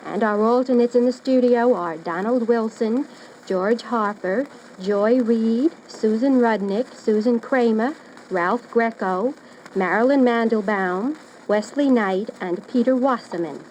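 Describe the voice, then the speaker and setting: A woman quizmaster hosts a children's radio quiz from a radio studio, addressing her audience formally with careful phrasing. Her voice is on the high side, unhurried and a little mellow, heard through a noisy old radio broadcast recording.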